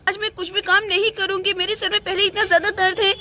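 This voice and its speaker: A woman's voice: very high-pitched, flat delivery, fast, bright, forceful tone. A woman voicing a cross, scolding mother in a doll play, bossing her husband around. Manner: scolding, bossy.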